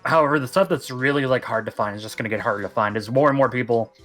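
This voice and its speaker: Talking very fast in a medium-pitched voice, a young man co-hosts a casual podcast, rambling at length and speaking emphatically. Music plays in the background of the chat.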